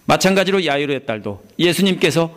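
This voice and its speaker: A man's voice: a little high, expressive, a little fast, a bit bright. A middle-aged man from Korea preaching a sermon as pastor, explaining the text and breaking into acted-out quotations.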